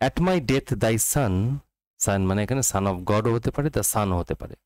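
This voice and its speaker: A man with a Bengali accent teaching English literature for exams, reading quotations slowly and explaining quickly in Bengali mixed with English. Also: on the low side, darkish tone, clear, resonant tone, no room sound, rough recording. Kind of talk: exam-prep literature lesson.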